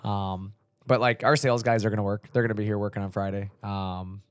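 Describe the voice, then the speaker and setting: A man in his thirties hosting a casual business podcast, relaxed and rambling, with lots of fillers. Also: lowish voice, fairly quick, clean tone, no echo, clean studio sound. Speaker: podcast host, company leader.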